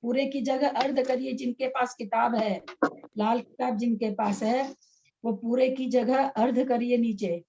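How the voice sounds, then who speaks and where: A patient woman teacher walks her students through each step, repeating lines so they can note them down. Her voice is mellow and a little husky, a touch higher than most. The sound is dull and lo-fi, like call audio. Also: steady tone. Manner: patient, repeats steps slowly for students to write. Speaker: religious study teacher. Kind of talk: explaining text line by line.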